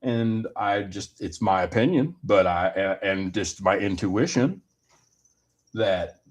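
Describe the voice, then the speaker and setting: A man with a voice on the low side delivers a rambling monologue of personal opinion. He speaks in a deliberate, halting way, using wordy, formal phrasing.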